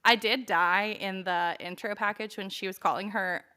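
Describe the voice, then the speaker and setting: A woman's voice: mid-range voice, fairly even intonation, moderate pace, bright, forceful tone, clear, resonant tone. A young woman co-hosting a podcast, chatting casually with lots of fillers and acted-out quotes. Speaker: podcast co-host. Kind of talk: casual chat recap.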